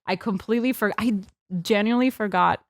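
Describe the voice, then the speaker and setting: A young woman from Puerto Rico co-hosting a podcast, narrating an anecdote with lively, animated delivery. She slips in and out of the voices of the people in her story. The studio sound is close and dry, with no room echo. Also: medium pitch, fairly quick. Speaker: podcast co-host. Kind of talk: casual chat.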